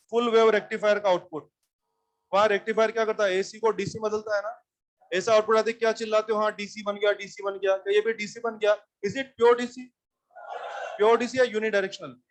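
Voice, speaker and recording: A man with a high-pitched voice lectures an electronics class. He talks bluntly, scolds his students and keeps checking whether they follow. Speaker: teacher.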